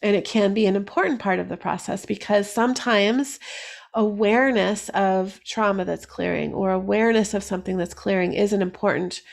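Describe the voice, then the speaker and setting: A woman talks through energy healing ideas in a loose, rambling way, often circling back and restarting her sentences. Her mid-pitched voice carries a gravelly, creaky edge. She sounds like a teacher speaking straight to her viewers. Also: normal speed. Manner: rambling, many fillers and restarts. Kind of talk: casual solo talk to camera.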